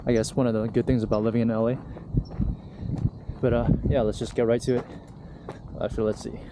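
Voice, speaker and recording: A man's voice: mid-range voice, flat delivery, a little fast. Winded young man vlogging on a hike. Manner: rambling, loose and candid. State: out of breath. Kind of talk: casual vlog talk while hiking. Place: outdoors on a hiking trail. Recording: outdoor recording with clear background noise.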